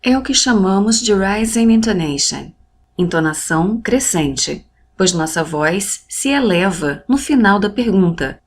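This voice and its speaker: A woman narrating an English lesson, speaking clearly and deliberately, modelling English phrases and then translating them. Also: medium pitch, animated. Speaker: English teacher. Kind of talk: scripted language lesson narration.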